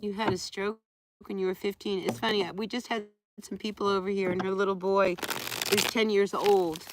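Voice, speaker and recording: A woman's voice: mid-range voice, little pitch movement, moderate pace, noisy background. A woman giving a live tarot reading outdoors, talking to viewers in a conversational, familiar way. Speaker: tarot reader hosting a live stream.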